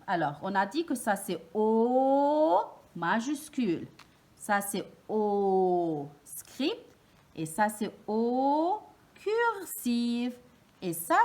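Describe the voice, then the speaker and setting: A woman teacher gives a reading lesson to young children. She speaks very slowly and stresses each sound with care. Her voice sits fairly high and rises and falls a great deal. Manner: slow, clearly articulated, stressing each sound.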